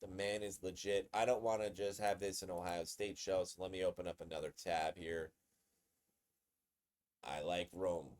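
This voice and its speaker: A man with a low-sitting voice hosts a casual sports commentary video at a moderate pace. He's excitable and chatty, often repeating himself.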